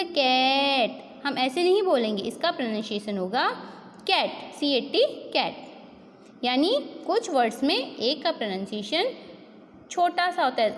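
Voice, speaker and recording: A woman's voice: high-pitched, big-room sound, slight background noise. A woman with an Indian accent teaching a kindergarten phonics lesson, patiently spelling out letters and quizzing her pupils. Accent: Indian English.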